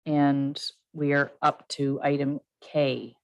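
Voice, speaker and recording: A woman chairing a council meeting as mayor, brisk and informal, with filler words. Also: deep voice, level tone, dry recording, dull audio.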